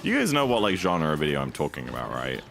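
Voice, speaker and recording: A male streamer with a very deep voice that still swings lively up and down as he rambles. He chats casually with his viewers mid-run, piling on fillers. Faint game music plays under him. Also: fast talker, vocal fry. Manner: rambling, filler-heavy, chatty, reads and answers chat. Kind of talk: casual live-stream chat while speedrunning.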